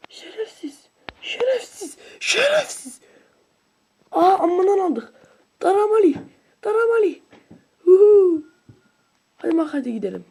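A high-voiced, excitable video creator delivers casual gameplay commentary full of slang, shouting and whooping as the action unfolds.

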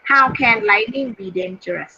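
Woman teacher on a video call, bright voice, kinda muffled audio w/ faint hiss, explains stuff slow. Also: on the high side. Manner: explains slowly in Thai, reads English phrases aloud. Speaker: English teacher. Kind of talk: online class teaching.

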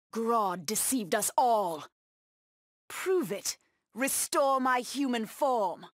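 Cheetah, slow, savage huntress. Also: female voice, mid-range voice, a bit bright, no echo, studio quality. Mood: fierce, proud. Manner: menacing, deliberate, taunting. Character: savage, predatory cheetah-woman huntress, proud and taunting. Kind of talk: video game fighter battle taunts.

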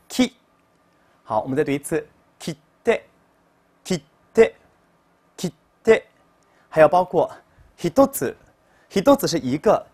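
A man teaching a pronunciation lesson, explaining in Chinese and repeating each example word louder and higher. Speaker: Japanese teacher.

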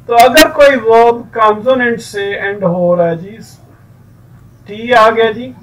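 A man teaching an English grammar lesson, explaining rules with many fillers and reading example sentences slowly. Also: high-pitched, far from the mic, slight background noise, low-quality recording.

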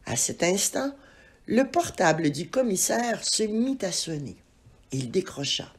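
A woman reads a children's story aloud in an expressive, animated way. Her voice is husky and breathy, and she takes an unhurried pace. Her pitch rises and falls widely as she tells it. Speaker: narrator. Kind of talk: storybook reading.

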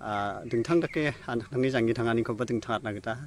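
Talking fast in a medium-pitched voice, with slight background noise, a young man hosts a casual vlog outdoors beside a rural fish pond. He chats and gives directions into a phone he holds at arm's length.

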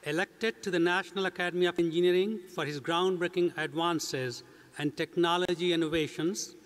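An older man delivers a measured, scripted speech from a podium mic on a large stage. His voice sits slightly high. The long reverb of a big hall trails behind every phrase. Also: fairly even intonation, a little hiss or hum. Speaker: university president. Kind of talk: formal ceremony speech. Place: large indoor commencement stage.

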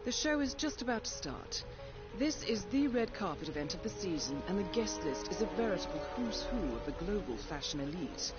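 A woman voicing a calm, composed mission handler, giving a scripted game briefing in a measured way. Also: medium pitch, close to an everyday voice. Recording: dull lo-fi capture with game music. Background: game score music.

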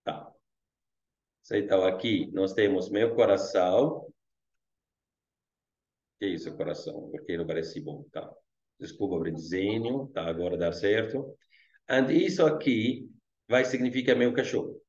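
A male Arabic teacher with an Arabic accent, giving an online language lesson in simple, slow explanations full of fillers. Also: lowish voice, a little mellow, reverberant, lo-fi sound. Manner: explains slowly with many fillers like "gente" and "tá".

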